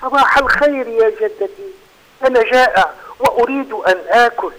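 A man voicing a small, hungry young male rabbit who pleads and gets excited. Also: very high-pitched, brisk, voice pushed up, rough recording. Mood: pleading.

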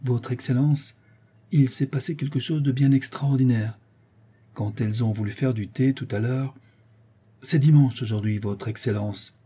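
A man plays a dismayed butler in an audiobook, deferential and hesitant as he stumbles through his report. The voice stays dark and husky, only nudged upward when he gets agitated. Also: medium pitch, moderate pace. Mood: flustered. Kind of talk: audiobook character voice.

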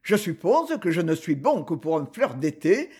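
A man's voice: a little high, sing-song, normal speed, a little mellow, slightly rough. A man voicing a sullen, threatening rejected suitor in an audiobook. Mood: menacing, bitter. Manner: sullen and menacing. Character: jealous, threatening spurned male suitor.

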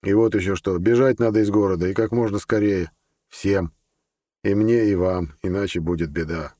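A determined young man speaking tersely and urgently, in a low, dark voice. A male narrator reads him close and dry, with little put-on. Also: fairly even intonation, normal speed, dry recording.

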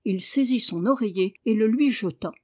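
A woman reading a novel aloud in a measured, even storytelling manner. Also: fairly high pitch. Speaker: audiobook reader. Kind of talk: scripted narration.

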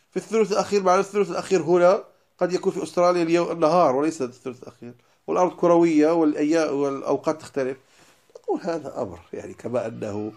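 A man teaching as a religious lecturer, explaining lines of a poem and stressing key words before dropping into quiet asides. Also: medium pitch. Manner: emphatic, stresses single words then drops to quiet asides.

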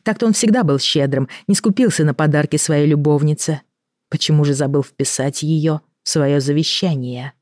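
A man narrating a novel in a steady, measured reading. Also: a little high, dry recording, studio quality. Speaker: audiobook narrator. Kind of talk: scripted narration.

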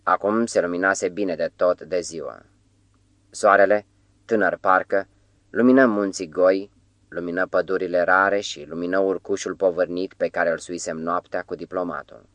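A man reading a novel aloud as an audiobook narrator, measured and grave. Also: low voice, steady tone, fairly bright tone, dry recording. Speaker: audiobook reader.

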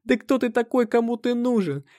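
A man's voice: very high voice, lively intonation, normal speed, warm tone, no echo, clean studio sound, pitched above the performer's own voice. A man voicing a shrieking furious young woman. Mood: hysterical. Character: young woman, mocking then shrieking in fury.

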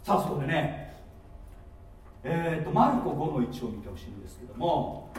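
A man's voice: on the high side, sing-song, moderate pace, darkish tone, a little hiss or hum. A man pastor preaching an emphatic sermon in a church hall, asking the congregation questions as he goes. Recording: echoey hall, mic set far off.

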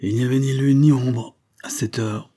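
A man's voice: mid-range voice, fairly even intonation, moderate pace, mellow, pitched above the performer's own voice, close to an everyday voice. A man voicing a weary, troubled male doctor testifying in court, speaking in a dull, reluctant way in an audiobook reading.

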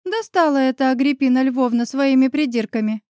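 A woman's voice: sits high, no echo, voice pushed up, natural voice. Fields: Figure: young pregnant woman, emotional and chatty, played by a woman reading an audiobook. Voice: raised, light, close and dry. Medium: audiobook. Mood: grumbling chat. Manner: lively, quick mood swings between tears and laughter.

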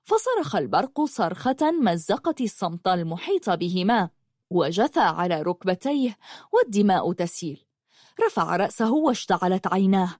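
A woman narrates a dramatic action story with vivid, expressive delivery. Her pitch swings with lively movement. The recording is dry and close. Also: no room sound.

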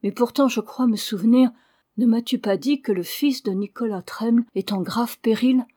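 A man's voice: very high voice, normal speed, mellow. A woman reading aloud voices a frail, ailing old father, speaking faintly and wearily. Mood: anxious. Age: older. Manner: faint, weary, breathless speech.

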